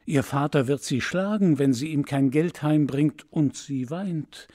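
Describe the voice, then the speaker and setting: A man voicing a gentle, sorrowful prince statue in an audiobook fairy tale, speaking softly and tenderly. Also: a little slow. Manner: soft, low and tender.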